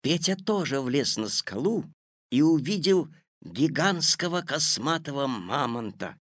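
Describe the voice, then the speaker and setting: A man reading a children's tale aloud as narrator, with expressive storytelling on a close studio mic. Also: a little high, gravelly, dry recording. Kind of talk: audiobook narration.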